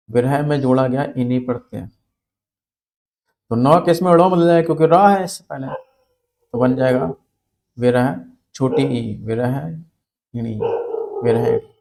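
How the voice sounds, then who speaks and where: A man teaching a spelling lesson, asking questions and answering them himself, repeating key words slowly. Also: medium pitch, darkish tone. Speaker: Hindi grammar teacher.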